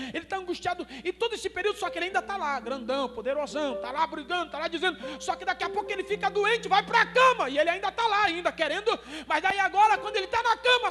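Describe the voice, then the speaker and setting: A man with a Brazilian accent preaching an evangelical sermon as a pastor, telling stories and building to loud, fervent peaks. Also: very high voice. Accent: Brazilian Portuguese. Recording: music in a reverberant hall.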